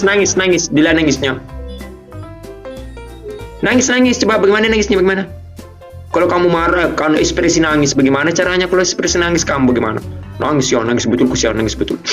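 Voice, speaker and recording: High-voiced man teasing on a live stream. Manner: playful, teasing, thanking viewers.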